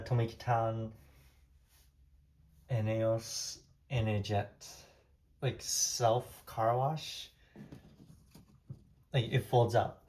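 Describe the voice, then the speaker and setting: This casual room tour features a young Taiwanese man, Hokkien his first language, rambling about his diecast collection with lots of fillers and restarts. His voice sits fairly low and has a darkish quality.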